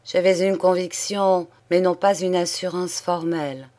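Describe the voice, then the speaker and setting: A proud, composed young viscount read by a woman, speaking clearly and with care. His tone stays low and even as he sets out his case. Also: unhurried, lightly acted. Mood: measured. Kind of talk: audiobook character reading.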